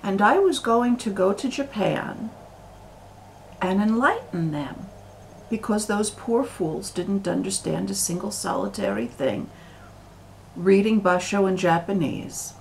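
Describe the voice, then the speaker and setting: An American woman talking to camera in a slow, deliberate monologue, full of pauses and fillers. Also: mid-range voice, animated, creaky, a little hiss or hum, low-quality recording. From United States. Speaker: video commentator.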